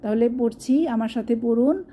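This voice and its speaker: A woman teaching Quran recitation step by step, stretching out each recited word slowly before explaining it. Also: on the high side, mellow, slight background noise. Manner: slow, drawn-out demonstration of recited words between explanations.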